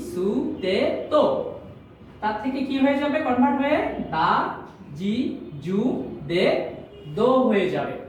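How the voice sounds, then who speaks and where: A woman with a Bangladeshi Bengali accent teaching a language class, drilling sounds over and over and answering her own questions. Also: fairly high pitch. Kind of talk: classroom lesson. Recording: very echoey room, voice from far off, faint noise.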